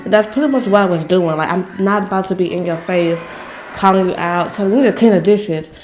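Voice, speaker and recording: Soft music plays in the background as a young vlogger from the Southern United States rambles through a storytime at work. She speaks a little fast in a lowish, darkish voice, venting casually and using lots of fillers.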